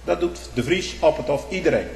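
Man, preacher, fiery denouncing sermon, sudden loud bursts, echoing church hall, long reverb. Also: on the high side, expressive, brisk, creaky. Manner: denouncing, with sudden loud outbursts and repeated words; tag questions like "hè?".

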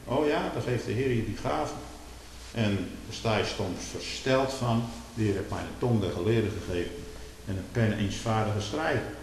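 Fiery preacher man in an echoey hall. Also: normal speed. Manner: fiery, swings from low murmurs to loud outbursts. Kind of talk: sermon. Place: church. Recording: echoey church hall with hiss.

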